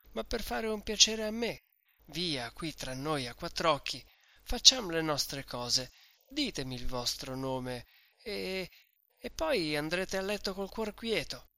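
A man voicing a sly middle-aged innkeeper who speaks in a coaxing, falsely gentle way. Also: fairly high pitch, no echo, exaggerated voice.

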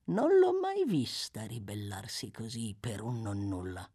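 Reader doing a sly old schemer, murmury and slow, jumps up high sometimes. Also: sing-song, mellow, slightly rough, no echo, clean studio sound, full character voice. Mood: sly murmur. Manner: murmuring, pensive. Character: sly old male fence, scheming and wheedling. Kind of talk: audiobook character voice.

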